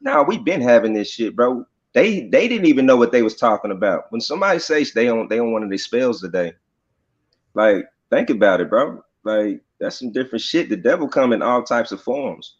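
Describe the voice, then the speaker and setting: Here the male rapper guest has a medium-pitched, sing-song voice with a breathy edge, talking a little fast with few pauses. The highs are cut off, and in this casual podcast interview he stays laid-back and profane, using lots of fillers.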